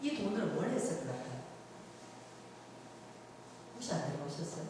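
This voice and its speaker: A woman's voice: low-pitched, normal speed, noisy background. A middle-aged woman, a tour guide giving a humanities lecture and asking the audience questions. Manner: lively, asks the audience questions. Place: lecture hall. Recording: echoey hall, voice from far off.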